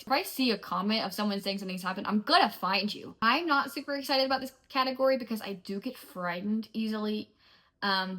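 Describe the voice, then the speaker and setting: Young woman vlogger, chatty and animated, mid pitch. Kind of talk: casual vlog talk.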